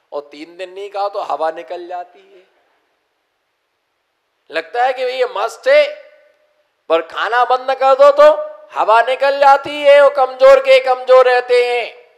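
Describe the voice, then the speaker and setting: A man with a high voice preaches slowly and deliberately as a monk, spinning a story and acting out its counting. He calls on his listeners to repeat his words back. His voice rings with long reverb in a hall. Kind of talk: sermon with a story.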